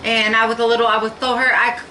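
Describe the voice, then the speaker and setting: A woman talking in a halting, tearful way and repeating herself, near tears, in a home vlog. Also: a little high, level tone, bright, forceful tone. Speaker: vlogger. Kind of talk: emotional personal vlog. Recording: echoey room with faint noise.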